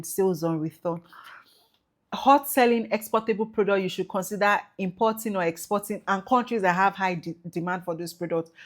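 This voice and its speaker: Nigerian lady business coach selling her class, keeps asking okay? right?, punchy delivery. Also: medium pitch. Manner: emphatic, repeats tag questions like okay and right; mixes in Nigerian Pidgin phrases. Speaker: export business trainer. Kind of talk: promotional talk to prospective students.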